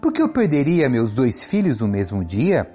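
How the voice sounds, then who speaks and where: A man reading the lines of an anxious mother urgently warning her son, in a lively, fairly high voice over faint music. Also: moderate pace, lo-fi sound.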